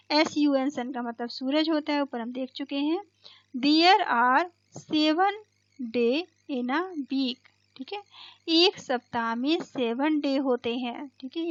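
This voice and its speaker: Woman teacher, high voice, unhurried, dull lo-fi recording, explains English lines in Hindi. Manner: reads English lines slowly, then explains in Hindi, often adds "ठीक है". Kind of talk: school lesson explained in Hindi.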